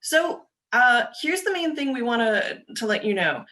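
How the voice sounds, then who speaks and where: A young adult woman giving a quick, chatty webinar presentation over a video call, explaining steps with frequent ums and uhs. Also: a little high, big pitch swings, sharp tone. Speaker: presenter for a government agency.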